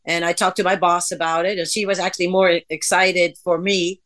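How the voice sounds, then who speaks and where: A woman's voice: lowish voice, level tone, brisk, fairly bright tone. A woman from the Netherlands, a guest on an interview podcast, telling her story in a chatty way with fillers. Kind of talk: casual interview.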